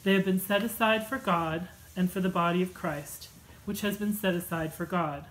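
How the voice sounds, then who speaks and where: A woman in her thirties at home, reading a church class lesson from her notes in a measured, earnest way with a few fillers. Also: fairly low pitch, fairly even intonation, slight background noise, poor audio. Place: home room with bookshelves.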